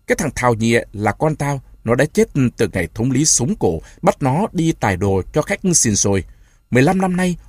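A man's voice: mid-range voice, darkish tone, no room sound, clean studio sound. A man voicing a stern grieving old mother. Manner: slow, firm, then crying out.

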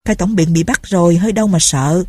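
A woman's voice: lowish voice, fast talker, mellow, slightly rough, dry recording, clean studio sound. A woman voicing an earnest, scheming teenage peasant boy who pleads and reassures. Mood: urging.

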